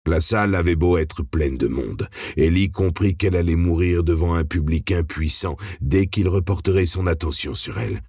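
A man reading a novel aloud in a steady, dramatic narration style, close to the mic. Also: low-pitched, moderate pace, few pauses, slightly rough, no echo. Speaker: audiobook narrator. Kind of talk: scripted narration.

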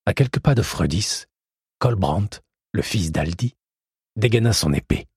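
A man narrating a historical adventure audiobook in a steady, measured storytelling manner. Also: fairly low pitch, breathy edge, no echo, studio quality. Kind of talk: scripted narration.

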